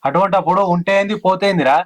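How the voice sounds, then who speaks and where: An actor playing a bitter elder brother who harshly refuses to help, in a Telangana Telugu accent. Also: male voice, high voice, fast, natural voice, poor audio. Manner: harsh, dismissive.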